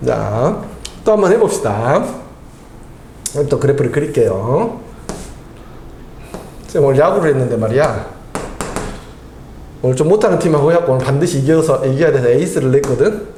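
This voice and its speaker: Lively man quizzing a student. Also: mid-range voice, normal speed, long pauses, a little hiss or hum. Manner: quizzing with constant tag questions. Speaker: math tutor. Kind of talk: tutoring lesson with casual chat. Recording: echoey room.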